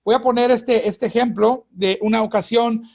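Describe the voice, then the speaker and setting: Earnest Mexican pastor on radio. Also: male voice, very high voice, steady tone, dull audio. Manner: earnest, halting, often repeats words. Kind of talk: preaching in a radio interview.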